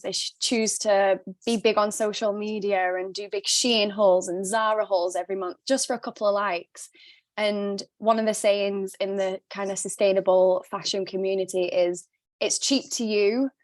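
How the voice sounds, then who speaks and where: Her voice is medium in pitch and the recording is dry. A sustainable stylist guesting on a casual podcast, she moved to Glasgow from elsewhere, and her accent blends in a slight Glaswegian flavor; she speaks with passion and bluntness, swearing freely and often laughing.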